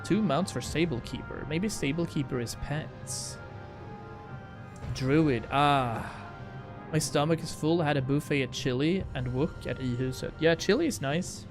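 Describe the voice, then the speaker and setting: A man's voice: fairly high pitch, unhurried. A man livestreaming a video game, chatting casually and slangily with his viewers as he plays. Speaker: livestream gamer host. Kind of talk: casual game stream chat. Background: game music.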